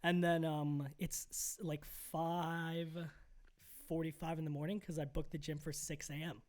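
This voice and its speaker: A young man co-hosting a podcast, telling a story in casual chat, animated and full of "like" and "bro". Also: a little high, measured pace. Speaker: podcast co-host.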